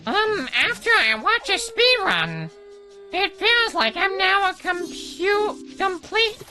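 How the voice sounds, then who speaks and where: A man putting on a high, halting nerd voice to play a nerdy young male chat viewer. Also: sing-song, bright, forceful tone, heavily acted. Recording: music playing behind.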